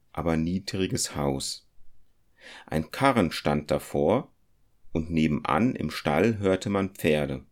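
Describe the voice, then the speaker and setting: A man narrating a story in a measured, even reading voice. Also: sits low.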